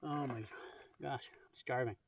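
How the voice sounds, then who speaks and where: An easygoing man talks through his outdoor camp dinner, rambling with fillers. He records on a phone camera in the open air. His voice sits a bit distant from the mic, at an average pitch for a man. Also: steady tone, unhurried, gravelly, noisy background. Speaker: vlogger. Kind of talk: casual camping vlog. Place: outdoors at a campsite on a cliff edge.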